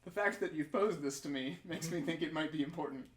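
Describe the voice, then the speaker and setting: A man playing a tabletop game, speaking in casual role-play banter with a dry, politely measured manner. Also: fairly high pitch, distant mic. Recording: echoey room.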